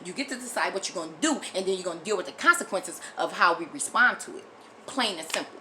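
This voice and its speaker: A woman's voice: fairly low pitch, expressive, fast, sharp tone, slight background noise, low-quality recording. An American woman delivering an impassioned, blunt opinion monologue as a video commentator, emphatic and repeating phrases for force, often swearing. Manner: frequent swearing.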